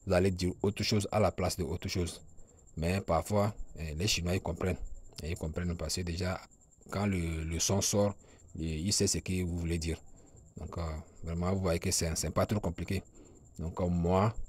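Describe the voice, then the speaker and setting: Low-voiced man teaching with many hesitations. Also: darkish tone, dry recording. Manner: hesitant, many fillers and restarts, repeats sounds slowly for drilling. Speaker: Chinese language teacher. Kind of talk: casual spoken lesson.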